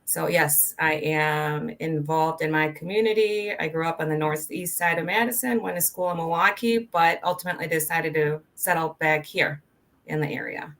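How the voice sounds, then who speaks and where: A woman in her thirties, raised in Colombia, speaks as a podcast guest. Her voice sits a bit low yet rings bright and forward. She talks earnestly and gently, pausing on ums as she gathers her thoughts. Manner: soft-spoken, earnest, many ums. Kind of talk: casual interview.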